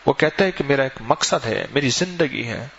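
A man delivering a sermon as a preacher, telling stories with sweeping rises and falls in his voice. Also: breathy edge. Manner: storytelling with lively swings in pitch. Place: mosque gathering. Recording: dull lo-fi recording with faint noise.

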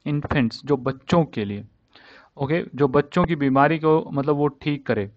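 A man's voice: fairly high pitch, moderate pace, a little hiss or hum. A male teacher giving a casual spoken vocabulary lesson, mixing Hindi with English and repeating each word over and over to drill its pronunciation. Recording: dull, dry, lo-fi sound.

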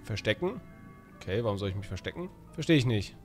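A man casually commenting on a horror game as he plays, excitable and joking, bantering in slang with an in-game baby. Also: on the low side, fast talker, faint music behind. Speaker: gaming YouTuber. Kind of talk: casual let's-play commentary.

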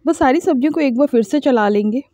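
High-voiced woman guiding a home recipe. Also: fast talker, dry recording, studio quality. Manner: calm, instructional, explains each step. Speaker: cooking channel host. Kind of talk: step-by-step cooking voice-over. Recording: dull lo-fi voice-over.

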